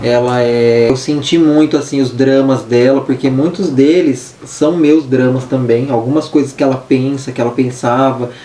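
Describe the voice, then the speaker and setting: A man's voice: mid-range voice, fairly even intonation, normal speed, few pauses, dark tone. A Brazilian man chatting casually through a book review, with a lisp and hissy s sounds from wearing braces. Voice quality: lisping, hissy sibilants from wearing dental braces. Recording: roomy echo, distant mic, faint noise.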